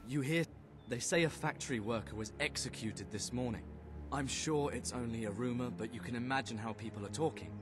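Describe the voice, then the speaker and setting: Earnest young gentleman played by an actor. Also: mid-range voice, a little fast, music in the background, natural voice. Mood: worried, tender. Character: earnest, worried young gentleman devoted to a princess. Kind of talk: video game character acting.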